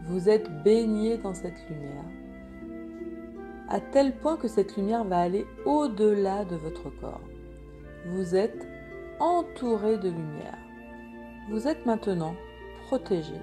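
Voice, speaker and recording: A woman leads a guided meditation in a calm, gentle, soothing way, unhurried and with pauses. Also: mid-range voice, over music.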